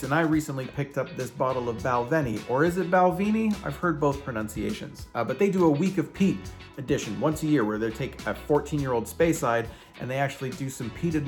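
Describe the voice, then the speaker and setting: A man's voice: medium pitch, expressive, brisk, faint music behind. A man hosting a casual whisky tasting vlog, chatting loosely with fillers and restarts. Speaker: whisky reviewer host.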